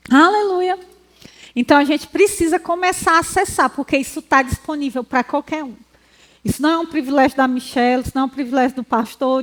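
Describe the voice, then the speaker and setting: A woman from Brazil preaching at church into a handheld mic, animated and teasing, acting out the people she quotes. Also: high voice. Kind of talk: lively church teaching. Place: church hall.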